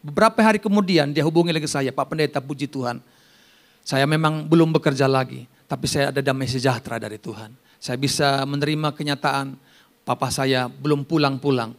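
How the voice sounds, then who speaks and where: Seorang pendeta pria berkhotbah dengan hidup, bergantian antara seruan keras dan sisipan pelan, sambil bercanda dengan jemaat. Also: male voice, medium pitch, fairly quick. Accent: Indonesian. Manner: animated preaching with loud rises and soft asides; jokes with the congregation by name. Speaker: pastor. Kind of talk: sermon.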